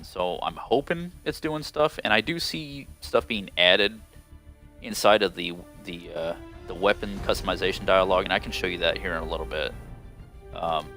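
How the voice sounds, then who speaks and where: A gaming video host with a very deep voice gives casual commentary on gameplay, rambling along at an unhurried pace with plenty of ums and restarts. A cold leaves him sounding slightly stuffy and nasal. Soft music plays faintly in the background.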